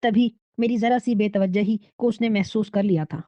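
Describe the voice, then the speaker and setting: A woman's voice: mid-range voice, fairly even intonation, warm tone, no room sound. Woman reading a story, dull dry sound. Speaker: narrator. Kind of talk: scripted horror story narration.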